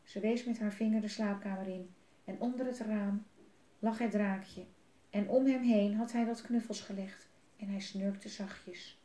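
A woman reads a children's story aloud in a gentle, expressive voice, now and then turning to her young listeners. The room around her gives a roomy echo. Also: medium pitch, measured pace. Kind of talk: reading a children's book aloud.

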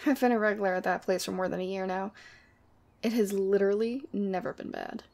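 In a casual ASMR roleplay audio drama, a woman plays a sweet, clingy demon girlfriend, teasing and caring with a playfully exasperated air. Her medium-pitched voice is fairly even, a little mellow and close to everyday speech, at normal speed.

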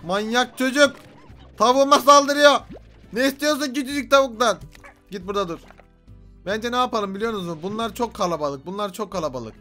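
A young man giving frantic let's-play commentary, yelling and swearing at creatures. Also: sits high, expressive, fast. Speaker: gaming YouTuber. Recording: game music underneath.

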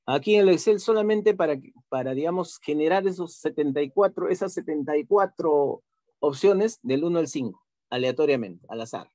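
A man teaching an online class, patiently walking through software steps, repeating himself and checking in with tag questions. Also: a little high, lively intonation, normal speed, no room sound, studio quality.

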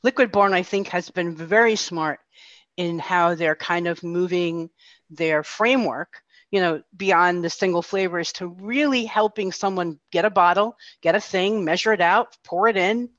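A middle-aged woman talks casually over a video call, her lowish voice friendly and full of fillers. The headset audio sounds muffled and dry. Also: normal speed, a bit bright, no room sound. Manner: chatty, friendly, filler-heavy. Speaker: co-host. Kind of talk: casual chat. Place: home room.

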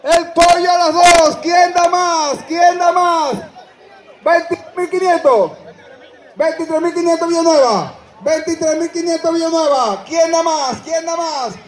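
A Dominican man auctioneers in a very high, projected voice, repeating bids and pressing the buyers. His delivery is slow and drawn out, and it echoes over an outdoor PA with a crowd around. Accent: Dominican Spanish. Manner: loud, insistent, projecting to a crowd. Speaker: livestock auctioneer. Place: open-air livestock show ring among a crowd. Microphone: public-address microphone, picked up by a spectator's camera.

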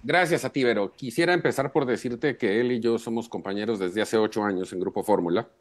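Man giving measured commentary. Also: on the low side. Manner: measured, emphatic analysis. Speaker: journalist guest. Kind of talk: live talk show commentary.

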